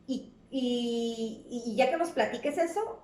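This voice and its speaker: A woman's voice: on the high side, slow pace, darkish tone, a little hiss or hum. A woman talk show host, chatty and a little hesitant as she asks her guest questions. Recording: roomy sound from a distance.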